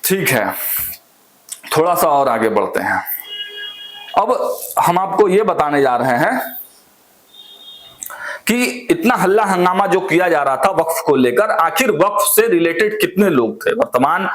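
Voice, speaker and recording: A man's voice: a little high, very animated, unhurried, pauses often, fairly bright tone. A man commentating on political news, walking viewers through points step by step and speaking to them directly. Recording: echoey room.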